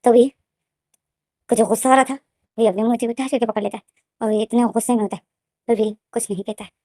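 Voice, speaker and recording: A woman retells a fan-fiction story in a casual, rambling manner, circling back over the same phrases. Her voice sits fairly high. The recording is dry and close. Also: fairly even intonation, fast talker, mellow, no echo. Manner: repetitive, rambling narration.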